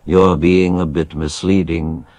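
A synthetic male text-to-speech voice reading out donation messages in a stiff, flat manner. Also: deep voice, takes it slowly, no room sound. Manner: synthetic social media TTS voice, flat stiff delivery.

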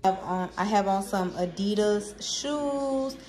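A woman's voice: medium pitch, measured pace, a little mellow. A woman vlogger in casual chat at home, easygoing and slangy as she talks to her viewers. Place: home indoors. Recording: roomy, from a distance, faint music. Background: faint music from a TV.

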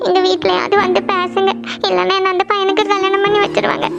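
Woman doing a very high pleading young woman. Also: completely flat delivery, quick pace, creaky, over loud music. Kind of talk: cartoon voice acting. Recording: dull lo-fi recording.

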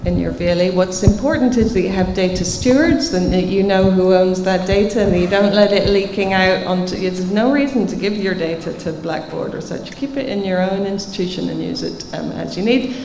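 A woman's voice: medium pitch, fairly quick, hardly any pauses, warm tone, a little hiss or hum. A woman in her fifties answering audience questions at a conference panel table, earnest and explanatory. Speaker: keynote speaker answering questions. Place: large conference hall, seated at panel table. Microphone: table microphone. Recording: reverberant hall, faint ambience.

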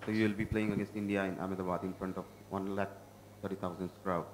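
Male reporter, lowish voice, formal question, faint background hiss. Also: little pitch movement, fast talker, low-quality recording. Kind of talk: press question.

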